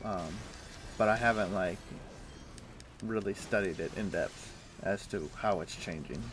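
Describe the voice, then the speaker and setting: Streaming a game at home, a young man speaks in a low-sitting voice at a measured pace, chatting casually with lots of fillers and restarts. Background noise and music can be heard behind his voice.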